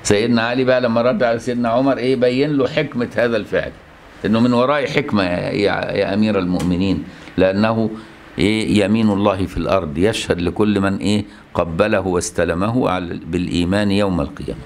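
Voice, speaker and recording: A man with an Egyptian Arabic accent and a lowish voice teaches a religious lesson as an Islamic scholar, speaking at a quick pace. As he explains, he checks on his listeners with rhetorical questions. There is slight background noise.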